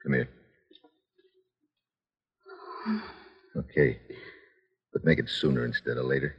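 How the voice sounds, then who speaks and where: An actor playing a tough, cocky, slangy reporter in an old-time radio adventure serial, with a sardonic, hard-boiled delivery. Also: male voice, extremely low pitch, steady tone, brisk, husky, big-room sound, full character voice. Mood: cool, pressing. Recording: dull, lo-fi old radio recording.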